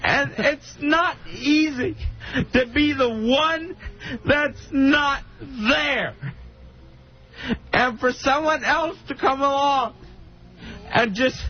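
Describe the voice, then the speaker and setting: A man's voice: extremely high pitch, slow, gravelly, long pauses. A man from Florida, a radio host, talking personally on air, inconsolable and choked up with upset. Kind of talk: emotional personal talk on a radio show. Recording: dull lo-fi radio broadcast audio.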